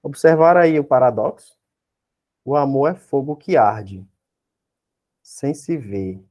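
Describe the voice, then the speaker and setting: Mellow-voiced Brazilian man teaching a class. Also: mid-range voice, expressive, slow. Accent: Brazilian Portuguese. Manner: explains step by step, constantly checks in with tag questions and rhetorical questions. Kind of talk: exam-prep class lecture.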